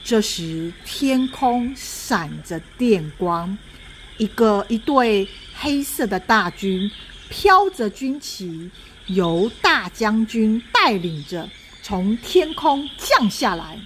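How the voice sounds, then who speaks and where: A woman storyteller giving an expressive, dramatic read-aloud of a children's storybook. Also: medium pitch, slow pace, a little hiss or hum.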